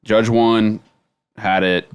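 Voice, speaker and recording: Deep-voiced laid-back male co-host. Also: steady tone, slow pace, clear, resonant tone. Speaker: podcast co-host. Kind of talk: casual chat.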